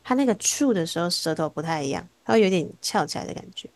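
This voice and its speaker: A woman teaching a Korean class over a video call, patient and encouraging, sounding words out slowly and repeating them. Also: on the low side, lively intonation, darkish tone, no echo. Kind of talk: online language lesson.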